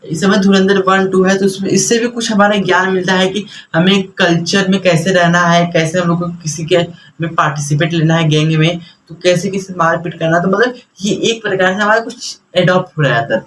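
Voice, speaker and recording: A man's voice: sits high, steady tone, a little fast, few pauses, a bit bright, slight background noise, low-quality recording. A young man teaching a class in a chatty, lecturing way, mixing English words into his explanations.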